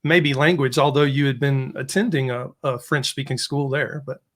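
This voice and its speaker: A man's voice: medium pitch, steady tone, moderate pace, a bit bright. A man hosting a podcast, reading out a guest introduction and then interviewing her with short encouraging replies. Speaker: podcast host.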